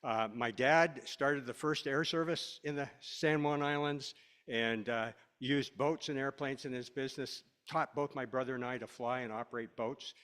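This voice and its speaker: An older man from Washington State giving a relaxed, rambling slide lecture to a class, with many fillers. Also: mid-range voice, moderate pace, clear, resonant tone. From Washington State, USA.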